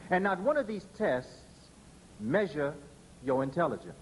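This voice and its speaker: Giving a public lecture, a man speaks emphatically and deliberately, slowing down to spell out letters one at a time. His voice is a little high for a man and swings widely in pitch. The recording is low quality, with a faint hiss underneath.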